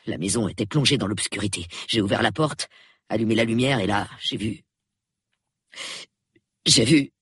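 A man reading an audiobook, voicing a nervy, sulky young artist who talks in a rushed, shaky, sullen way. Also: on the low side, a bit bright, breathy edge, no echo, clean studio sound. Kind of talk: audiobook character voice.

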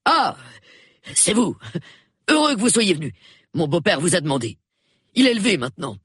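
A man doing an agitated, arrogant gentleman. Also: sits high, big pitch swings, normal speed, husky, no echo, clean studio sound, voice pushed up, full character voice.

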